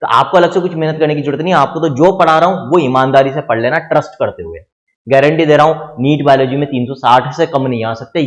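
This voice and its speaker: A man's voice: medium pitch, highs cut off. Indian man teaching a biology lecture. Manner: explains with repeated rhetorical questions, calls listeners "children". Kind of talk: exam-prep lecture.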